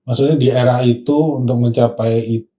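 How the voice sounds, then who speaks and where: A man from Indonesia, a film sound mixer guest, answering modestly and softly, often clearing his throat. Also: mid-range voice, fairly even intonation, moderate pace. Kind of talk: casual interview chat.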